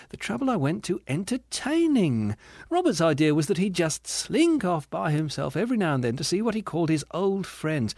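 A man's voice: high voice, darkish tone, dry recording, clean studio sound, full character voice. A man reading the part of a self-righteous female ghost who complains domineeringly and primly about her late husband. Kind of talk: audiobook character reading.

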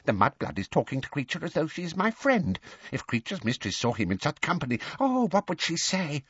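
A man voicing a hunched, spiteful old male house elf who mutters hoarsely under his breath. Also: fairly high pitch, sing-song, brisk, fairly bright tone, no room sound, dull audio, voice pushed up, exaggerated voice. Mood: spiteful muttering.

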